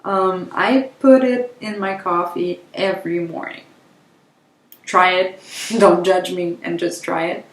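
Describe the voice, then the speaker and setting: A woman's voice: lowish voice, fairly even intonation, slow. A woman, introducing herself to camera in a playful, light way. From Quebec, Canada. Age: 20s. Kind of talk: casual self-introduction to camera. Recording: echoey room.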